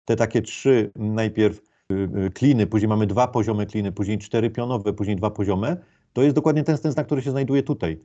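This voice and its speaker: A man's voice: lowish voice, a little fast, mellow, muffled recording. A man giving an informal lecture, explaining step by step with many fillers and restarts.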